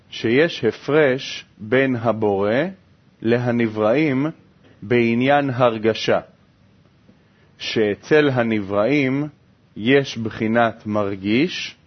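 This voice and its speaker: A man reading a text aloud in a study lesson, in a quick, steady recitation. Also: mid-range voice. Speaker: reader. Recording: dull lo-fi recording.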